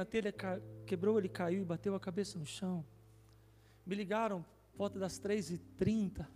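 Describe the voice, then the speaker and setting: High-voiced pastor preaching in a church hall. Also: male voice. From Brazil. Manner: emotional storytelling, voice rising at intense moments. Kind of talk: sermon testimony. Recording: reverberant church hall with soft music.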